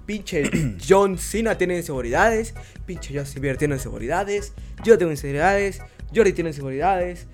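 High-voiced Guatemalan man, crude banter. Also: expressive, moderate pace, faint music behind. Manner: crude slangy banter, constant swearing. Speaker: podcast co-host. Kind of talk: casual podcast chat.

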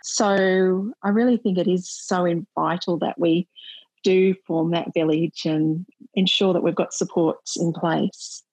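Chatty middle-aged woman, husky. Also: on the low side, fairly even intonation, a little slow, a little mellow, no room sound, rough recording. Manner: chatty, laughs often, earnest. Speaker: maternal and child health nurse and volunteer. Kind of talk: casual interview chat.

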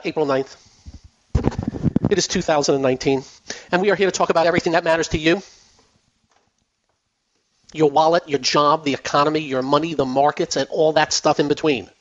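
Over music, a man hosting a finance radio show speaks a little high and a little fast, with long pauses. He is losing his voice and chats casually about markets, repeating himself and using lots of fillers. The broadcast has a dull, lo-fi sound.

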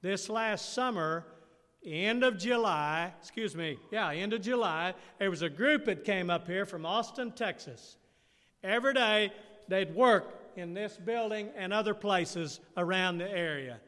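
A man's voice: high-pitched, a little slow, fairly bright tone, big-room sound. A man preaching a conversational sermon who keeps turning questions back to his listeners. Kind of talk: interactive sermon.

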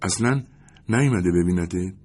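A man's voice: deep voice, slightly rough. A man voicing a chatty, curious young woman in a storybook reading, earnest and prodding. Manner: earnest and prodding, softening to a whisper when sneaking.

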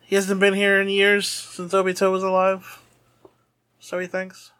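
A young man co-hosts a podcast in loose, animated chat, quick to laugh and to swear. His voice sits high and bright. The sound is dry and close. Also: smooth, dry recording. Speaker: podcast co-host. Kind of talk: casual anime recap chat.

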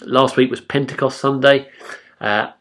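A man, a pastor, reading scripture aloud and leading a sermon with an expressive, emphatic delivery. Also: medium pitch, a little slow.

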